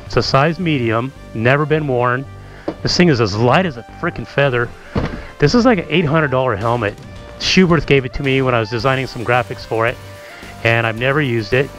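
Man, middle-aged, casual garage tour, relaxed chatty voice, average pitch, helmet camera mic. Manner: relaxed, chatty, many ums and asides. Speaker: motovlogger. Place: garage at home, indoors.

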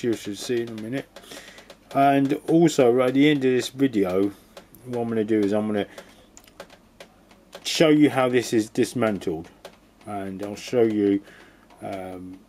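A man's voice: fairly low pitch, mellow, slight background noise. A man giving a rambling, casual walkthrough of a boiler repair, often restarting his sentences and adding jokey asides. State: cold. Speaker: DIY video host.

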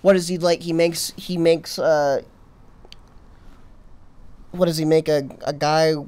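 A man's voice: a little high, fairly even intonation, slow pace, darkish tone. A young man co-hosting a comedy podcast in casual chat, profane and teasing, who slips into mocking voices. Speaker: podcast co-host.

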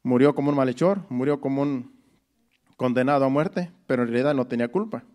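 A man's voice: medium pitch, brisk, a little mellow. A man preaching a Sunday sermon. He explains each verse step by step, restating it in plain words and often repeating phrases.

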